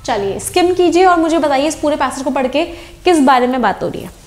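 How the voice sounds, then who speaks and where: A woman with an Indian accent teaches an exam-prep English lesson, mixing Hindi and English and asking her students questions as she goes. Her voice sits high. The room around her adds a noticeable echo. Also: lively intonation, quick pace, darkish tone. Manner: explains in Hindi mixed with English, asks the class questions.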